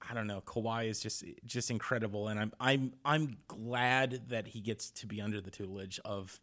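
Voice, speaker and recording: A man's voice: fairly low pitch, steady tone, moderate pace, fairly bright tone. A man co-hosting a casual sports podcast, talking loosely with restarts and frequent laughs. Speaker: podcast co-host.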